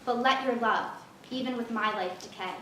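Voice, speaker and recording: A woman reciting a sonnet as a contestant, in a measured, dramatic delivery. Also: fairly high pitch, pushed and bright. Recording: echoey hall, distant mic, faint noise.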